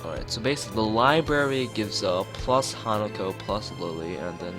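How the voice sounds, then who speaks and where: A man with a lowish voice speaks at a normal speed while streaming a visual novel, reading it aloud and adding hesitant, rambling asides in a casual tone. Music plays behind him.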